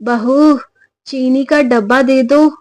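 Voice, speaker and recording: A woman voicing a humble, meek older mother-in-law who speaks in a soft, subdued voice. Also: high voice, steady tone, slow pace, dry recording, voice pushed up, poor audio.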